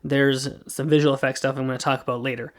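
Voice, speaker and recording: Man, podcast host, casual movie review, rambling, smooth clear voice. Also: mid-range voice, flat delivery, quick pace. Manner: casual, rambling, self-correcting.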